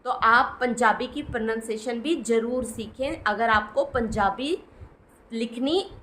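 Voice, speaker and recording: A woman with a high, bright voice teaches the alphabet at a slow, careful pace. She calls out each letter name one by one, drawing the sounds out. In between she explains patiently to her viewers, calling them guys. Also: a little hiss or hum. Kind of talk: slow spoken alphabet lesson.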